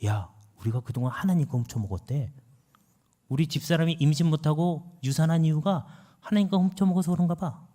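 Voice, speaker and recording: Man doing a worried villager, hushed and conspiratorial, everyday voice. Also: fairly high pitch, brisk, close to an everyday voice. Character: worried village man urging his neighbours.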